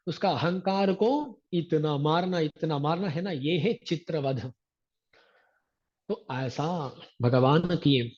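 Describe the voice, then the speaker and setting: A man's voice: fairly high pitch, darkish tone, husky, dull audio. A male religious teacher giving a scripture discourse, chanting Sanskrit verses and then explaining them line by line.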